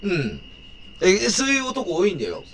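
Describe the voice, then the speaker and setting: A man from Fukui chats on a casual radio show in a chummy, rambling way. His pitch swings very widely, and a faint noise hums behind him. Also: huge pitch swings, normal speed, fairly bright tone. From Tsuruga, Fukui.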